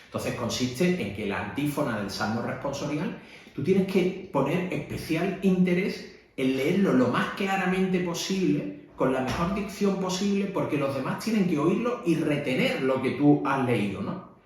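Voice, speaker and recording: A man's voice: on the high side, animated, normal speed. A man with a Spanish accent, a priest teaching how to read at mass, in a conversational way with frequent tag questions. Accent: Spanish (Spain). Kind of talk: instructional talk. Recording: echoey room.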